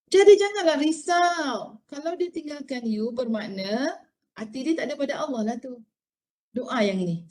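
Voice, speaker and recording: Middle-aged woman, Malaysian accent, animated lecturer, mellow tone, slightly high voice, code-switching. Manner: expressive, mixes Malay and English, frequent rhetorical questions. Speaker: lecturer giving a university talk.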